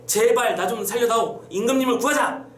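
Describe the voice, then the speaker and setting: A heroic young warrior, read aloud by a man, shouting bold, commanding battle calls with his pitch pushed high, his voice ringing around a roomy hall with faint hum behind it. He sounds set on charging in to save his king. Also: fairly quick, distant mic. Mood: pleading. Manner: bold, commanding war cries. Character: brave young male warrior hero shouting.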